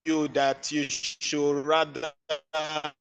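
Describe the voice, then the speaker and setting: A man's voice: on the high side, level tone, takes it slowly, vocal fry, smooth. A man speaking on a video call whose audio keeps breaking up and cutting out, with formal, hesitant phrasing as a webinar panelist. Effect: glitchy audio that cuts out and breaks up. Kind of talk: online webinar discussion.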